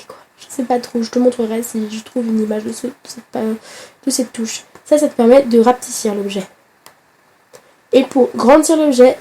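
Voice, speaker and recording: A woman with a hoarse voice from a flu, chatting straight to the viewer in a casual game tutorial, with hesitant fillers. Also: on the high side, warm tone. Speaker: gaming tutorial host.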